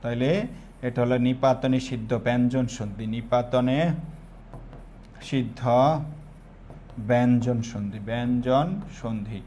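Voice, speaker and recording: A man's voice: medium pitch, a little mellow, slight background noise. A young man teaching an online exam-prep lesson, repeating key terms and quizzing students.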